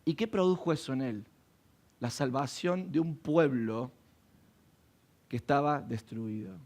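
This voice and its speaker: A man's voice: mid-range voice, a little slow, darkish tone. A man preaching a sermon as pastor of a church, asking the congregation question after question.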